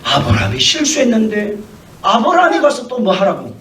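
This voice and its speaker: Animated male pastor preaching. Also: sits high, a little fast, recorded from a distance. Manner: animated, dramatic preaching with questions to the congregation. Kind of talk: sermon. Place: church sanctuary. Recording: echoey church hall, mic from afar.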